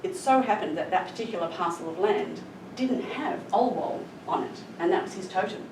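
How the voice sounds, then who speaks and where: A middle-aged woman with a slightly low voice gives an earnest, emphatic talk, explaining and storytelling as she goes. She is recorded from a distance in a roomy, echoey space. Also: lively intonation, moderate pace. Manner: earnest, emphatic with stressed adverbs. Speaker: conservation scientist presenting. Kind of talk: public presentation, explanatory storytelling. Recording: roomy echo, distant mic, clear background noise.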